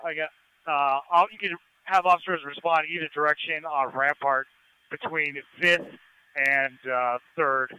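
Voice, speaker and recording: A man's voice: fairly high pitch, fairly even intonation, measured pace, pushed and bright, smooth, low-quality recording. A man giving a status report over a police radio. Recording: police scanner radio transmission.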